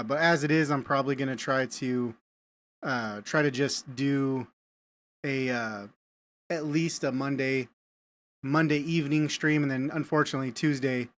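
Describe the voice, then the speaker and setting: A man's voice: medium pitch, fairly bright tone. A man live-streaming a game, chatting casually with viewers and often repeating words as he thinks aloud. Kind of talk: casual live-stream chat while gaming.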